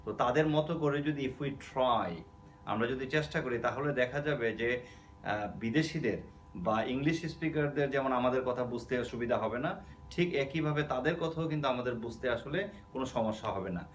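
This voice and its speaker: A man's voice: medium pitch, brisk, slight background noise. A man with a Bangladeshi accent teaching an English lesson, explaining patiently and checking in with his students. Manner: explains patiently, repeating words and asking "okay?". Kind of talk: spoken language lesson.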